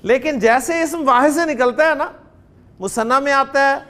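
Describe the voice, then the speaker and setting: A man teaching a grammar class at a steady, deliberate pace. He quizzes his students with short questions and draws out each sound slowly. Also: very high-pitched. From Pakistan.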